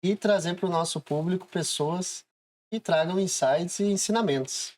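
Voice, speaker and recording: A man's voice: sits high, moderate pace, darkish tone. A man co-hosting a podcast, upbeat and promotional as he thanks listeners and plugs the channel. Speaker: podcast co-host. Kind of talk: casual interview chat.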